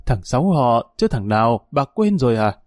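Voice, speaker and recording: A man's voice: mid-range voice, big pitch swings, moderate pace, a little mellow, dry recording, studio quality, lightly acted. A man voicing a poor, weary old man with a Northern Vietnamese accent, who talks in sighs and mournful tones. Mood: overjoyed. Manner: sighing, mournful talk.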